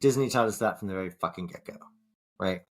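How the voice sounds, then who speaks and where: Talking fast in a low voice, this man co-hosts a podcast with loose, rambling chat. He swears a lot and restarts his sentences often.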